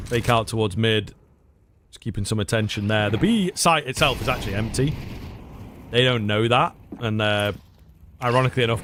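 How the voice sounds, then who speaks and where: A man's voice: lowish voice, noisy background. A man giving live analysis and commentary on an esports match as a caster.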